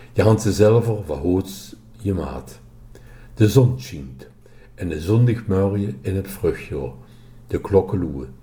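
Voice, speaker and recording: Slow, dark-voiced man telling a dialect story. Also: on the low side. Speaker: narrator. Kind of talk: reading a dialect story aloud.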